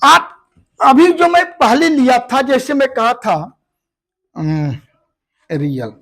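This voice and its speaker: Male teacher doing a grammar class, talks slow, voice goes up and down a lot, calls the kids beta. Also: extremely high pitch, huge pitch swings, a bit bright. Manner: explains step by step, addresses students as "beta"; slow, repeats words aloud for practice. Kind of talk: grammar lesson.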